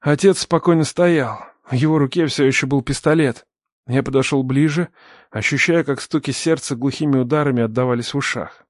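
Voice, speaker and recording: A man in his twenties narrating a first-person story at a measured, tense pace. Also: mid-range voice, no room sound, studio quality.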